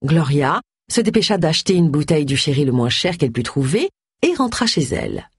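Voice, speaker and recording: Husky woman narrating an audiobook. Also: deep voice, sing-song, fairly quick, no echo, clean studio sound. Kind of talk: scripted narration.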